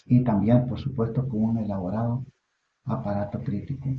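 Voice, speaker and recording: A man teaching biblical Hebrew in a recorded class, talking haltingly with many fillers and tag questions. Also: lowish voice, fairly even intonation. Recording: echoey room over a phone-like line.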